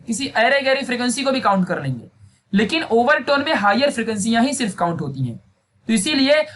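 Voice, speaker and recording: A man's voice: extremely high pitch, pushed and bright. A young man teaching a physics lesson, talking in a chatty way and often checking that students follow. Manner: chatty, repeats checks like "samajh gaya?". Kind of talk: Hindi classroom video lesson. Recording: faint background noise.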